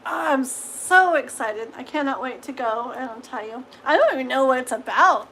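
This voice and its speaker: High-voiced chatty woman reading tarot. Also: animated, moderate pace, a bit bright, slight background noise, rough recording. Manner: chatty, reassuring, full of "okay?" tags and giggles. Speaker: tarot reader. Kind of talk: live-stream tarot reading.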